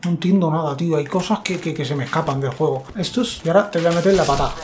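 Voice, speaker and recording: A man with a Spain Spanish accent giving chatty, excitable gameplay commentary, talking to himself and his viewers. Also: fairly high pitch, rapid-fire, a little hiss or hum. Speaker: gaming YouTuber. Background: game music.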